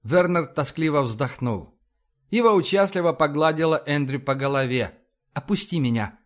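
A man narrating an audiobook in a lively storytelling manner. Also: a little high, normal speed.

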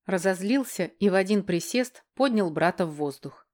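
A woman reading a first-person fantasy audiobook in a steady, measured way. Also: medium pitch. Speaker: audiobook narrator.

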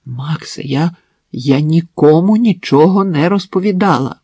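A man voicing a shrill, desperate woman at knifepoint. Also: lively intonation, measured pace, slightly rough, no echo. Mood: pleading. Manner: shrill, hysterical shouting. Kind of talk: audiobook narration.

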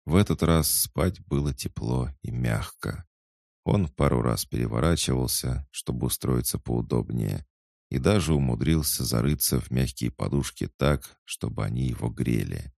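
Very deep, gravelly male narrator. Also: normal speed, darkish tone, no echo, studio quality. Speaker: audiobook narrator. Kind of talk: scripted narration.

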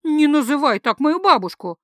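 A woman reading aloud gives a stubborn young woman who refuses to be pushed around. She speaks high and very animated, full of indignation and mockery. The voice is close and dry. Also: moderate pace, dry recording. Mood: indignant. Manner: indignant, mocking retorts. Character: young woman, sharp-tongued, stubborn and principled.

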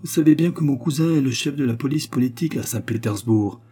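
A man's voice: mid-range voice, fast talker, mellow, husky, pitched above the performer's own voice, close to an everyday voice. A man voicing a young noble grand duchess, earnest and anxious, speaking with a raised, emotional voice. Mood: composed.

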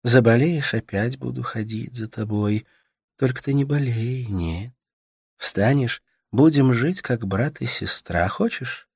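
A man's voice: mid-range voice, a little slow, creaky, husky, no room sound, clean studio sound, voice pushed up. A man voicing a tender, caring young woman. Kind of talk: audiobook character voice.

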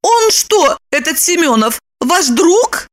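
A squeaky, shrill young woman who is quick to flare up, as a female reader puts her on. Her voice shoots very high and jumps all over the place, insistent and excitable. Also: exaggerated voice. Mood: astonished. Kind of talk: audiobook character reading.

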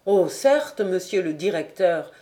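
A woman's voice: lowish voice, expressive, slow, mellow. Woman putting on a shy earnest kid apprentice, raised voice, eager and a bit flustered, storybook reading. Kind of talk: audiobook character voice.

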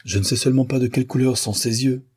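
A man's voice: mid-range voice, fairly even intonation, quick pace, a little mellow, husky, pitched above the performer's own voice, natural voice. A man reading an audiobook, voicing an impetuous young male violinist who answers with vehement, disdainful outbursts. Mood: indignant.

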